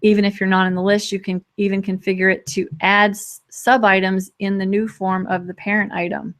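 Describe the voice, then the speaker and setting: A woman hosting a live software walkthrough, talking fast and chatty, often restarting her sentences and laughing lightly between points. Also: mid-range voice, little pitch movement. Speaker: host demonstrating software.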